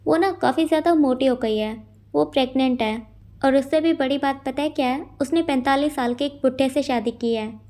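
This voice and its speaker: Earnest young male lead, gentle and lovesick, confiding storybook read, read by a woman in a high, warm voice. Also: normal speed.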